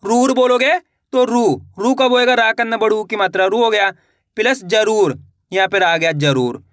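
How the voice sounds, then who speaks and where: A man's voice: high voice, normal speed, fairly bright tone, dry recording, clean studio sound. A man teaching beginners to write, saying each word twice, asking the viewer to repeat it and drawing out every syllable. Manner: draws out sounds syllable by syllable; addresses viewers as friends. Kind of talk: spoken writing lesson for beginners.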